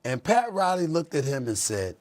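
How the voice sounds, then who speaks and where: A man's voice: a little high, sing-song, moderate pace, a little hiss or hum. Impassioned man ranting on a sports debate show. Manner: impassioned, preachy, swings from soft to shouting.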